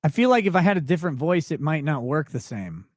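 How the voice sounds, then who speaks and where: On a casual late-night livestream, a male host with a not-so-deep voice reads viewer questions aloud and answers them bluntly, crudely, and with plenty of swearing. He talks fast with big swings in pitch, and the studio-quality recording has no echo.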